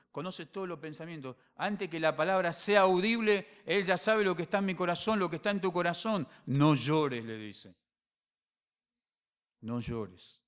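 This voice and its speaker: Argentine pastor preaching animatedly. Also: male voice, a little high, clean tone. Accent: Rioplatense Spanish. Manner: animated preaching, acts out voices and dialogues; shifts between quiet intimate phrases and loud emphatic ones. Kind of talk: sermon.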